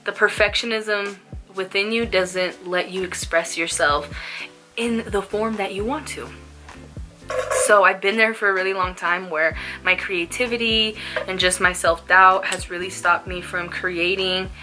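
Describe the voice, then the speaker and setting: Bright-voiced young woman, laid-back stoner talk. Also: medium pitch, fairly even intonation, measured pace, soft background music. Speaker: small YouTube vlogger. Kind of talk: casual smoke-along chat to camera.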